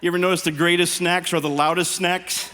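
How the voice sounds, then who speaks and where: A man in his fifties performing clean stand-up comedy to a live audience, animated and teasing, putting questions straight to the crowd. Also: sits high, brisk. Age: 50s. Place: live stage show before an audience.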